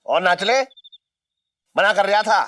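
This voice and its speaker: A man's voice: sits high, steady tone, slow, pushed and bright, exaggerated voice. An actor in a sitcom playing a bossy shop owner who teases and mocks his wife. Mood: mocking. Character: bossy, sarcastic middle-aged shop owner and husband. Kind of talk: sitcom acting.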